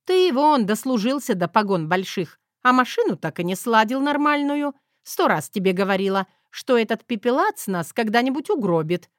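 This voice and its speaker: A woman doing a brash, sharp-tongued granny. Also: fairly high pitch, lively intonation, normal speed, hardly any pauses, no room sound, studio quality, natural voice. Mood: scolding. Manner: scolding, sardonic.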